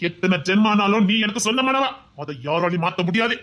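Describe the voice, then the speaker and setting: An actor playing a stubborn, possessive young husband who insists, with a Tirunelveli Tamil accent. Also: male voice, sits high, quick pace, fairly bright tone. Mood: insistent. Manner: insistent, then apologetic.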